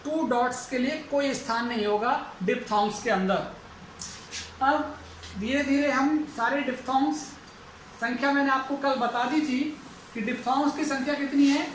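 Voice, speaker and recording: A male English lecturer giving a phonetics lesson for exam students, who repeats each example word slowly several times. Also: extremely high pitch, a bit bright. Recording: echoey room, faint background noise.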